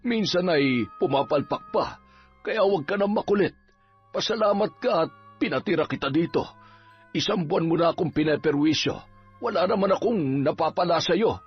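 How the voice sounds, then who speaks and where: A man voicing a grumbling, teasing middle-aged village folk healer, gruff and nagging with comic moments. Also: on the high side, lively intonation, moderate pace. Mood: scolding. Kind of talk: Filipino audio drama acting. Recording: dull lo-fi with faint music.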